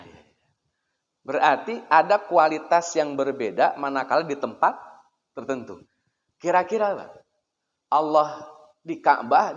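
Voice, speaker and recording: A man lectures on faith in a casual, talkative way, pausing to put questions to his listeners and answering them himself. His voice sits a little high for a man. The recording is dull and lo-fi, with a long echo from the hall around him. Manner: chatty, poses rhetorical questions, keeps addressing listeners as sir. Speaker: Islamic preacher. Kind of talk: conversational religious lecture. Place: prayer room. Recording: echoey hall, dull lo-fi sound.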